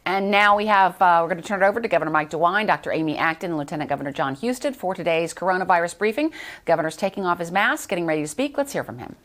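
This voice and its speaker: A woman hosting live news coverage from a studio, with measured, announcer-like delivery. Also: lowish voice, expressive, fairly bright tone. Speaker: news host, bureau chief. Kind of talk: live broadcast news introduction.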